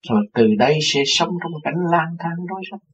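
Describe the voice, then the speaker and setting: An older man, a religious teacher, telling a personal story in an interview, animated and laughing as he acts out other people's words. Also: on the high side, a little fast. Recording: dull lo-fi recording.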